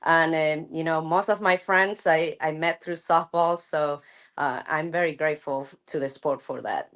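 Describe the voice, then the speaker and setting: A middle-aged woman from Argentina, a softball coach chatting thoughtfully in an interview, with many fillers and restarts. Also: sits low, fairly even intonation, normal speed. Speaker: college softball head coach. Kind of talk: casual interview chat.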